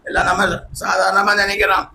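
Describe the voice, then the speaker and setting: Male preacher, recovering from illness, high-pitched bright delivery, faint room ambience. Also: completely flat delivery, a little fast, creaky, slight background noise. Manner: fervent preaching, often shouting hallelujah. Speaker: pastor. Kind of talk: sermon. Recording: echoey church hall, faint ambience.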